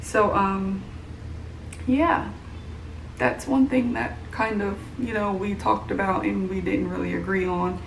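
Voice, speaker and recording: A woman's voice: mid-range voice, steady tone, slow pace, vocal fry. Pregnant woman in her thirties, tired and rambling in a casual vlog, recorded at a distance in a roomy home with background noise. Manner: rambling, many fillers and restarts. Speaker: vlogger. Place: at home, room with echo. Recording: roomy, from the mic, noisy home.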